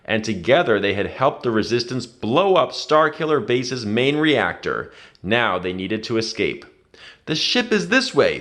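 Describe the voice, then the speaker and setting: A man with a lowish, slightly bright voice reads a children's adventure story aloud. His storytelling is dramatic and emphatic.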